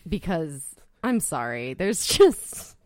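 Low-voiced woman, dry and skeptical. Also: big pitch swings, slow pace, a little mellow, no room sound. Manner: skeptical, wry and blunt, with casual swearing. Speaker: podcast co-host. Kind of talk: casual chat.

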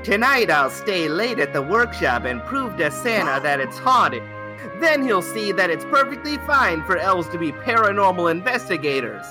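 A man's voice: high voice, very animated, moderate pace, music in the background. A man voicing an earnest young male elf who loves ghost hunting. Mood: eager.

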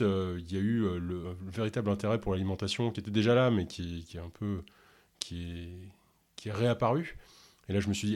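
A man from Ontario who speaks French with no accent, answering interview questions in a halting way with many fillers. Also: low-pitched, a little mellow. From Canada, Ontario. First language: English. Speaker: podcast host and health coach.

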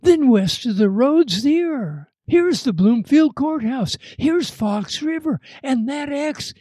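A man voicing a frantic, gold-crazed male prospector who exclaims in excited bursts. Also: extremely high pitch, slow pace, dry recording, clean studio sound, pitched above the performer's own voice, full character voice.

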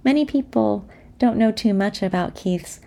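A woman hosting, giving a measured, earnest scripted introduction to poems. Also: medium pitch, vocal fry, warm tone.

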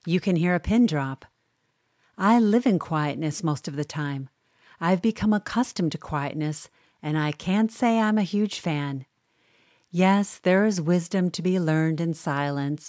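A woman reads a humorous newspaper column aloud with a wry, dryly humorous touch and an unhurried pace. Her voice sits a little low. The sound is close and dry, with no room echo. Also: darkish tone.

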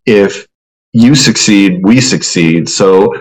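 A man's voice: fairly low pitch, slow pace, low-quality recording. A man co-hosting a podcast, talking casually in a friendly, earnest, slightly salesy way. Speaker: podcast co-host.

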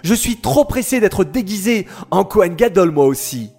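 A man playing a curious young boy, children's story, eager questions, high, lively pitch. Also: normal speed, gravelly, slightly rough, faint music behind, exaggerated voice. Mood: curious, excited. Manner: asks eager, wide-eyed questions.

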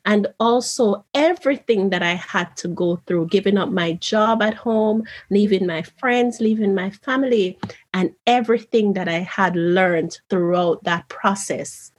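Speaking at a measured pace in a medium-pitched voice, a woman from Jamaica shares her story as an author being interviewed. Her tone is earnest and reflective throughout the conversation.

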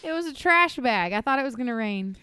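A woman's voice: on the high side, expressive, brisk, pushed and bright, clean tone. A woman co-hosting a comedy podcast, trading dry, teasing comebacks in casual banter. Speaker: podcast co-host.

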